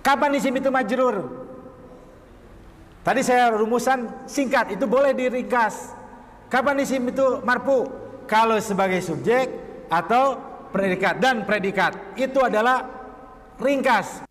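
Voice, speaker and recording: A male Islamic teacher giving a classroom lecture in a mosque hall, drilling the class with quick questions and answers and chuckling between points. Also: extremely high pitch, a bit bright.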